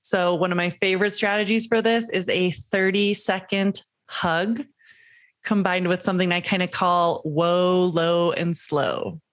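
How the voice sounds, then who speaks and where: A woman parenting coach on a podcast, explaining her advice in a lively way and dropping into a slow, soothing voice to demonstrate it. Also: lowish voice. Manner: animated, acts out quoted voices.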